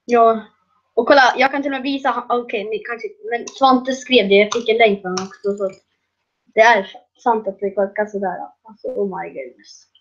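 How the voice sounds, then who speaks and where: A woman doing casual gaming commentary, excitable and prone to loud shrieking laughter. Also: on the high side, highs cut off. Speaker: gaming video creator.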